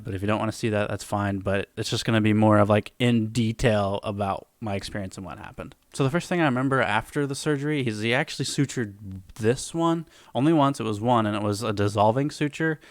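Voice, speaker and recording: A man's voice: on the low side, no room sound, clean studio sound. A man talking casually as a vlogger, explaining things informally to his viewers.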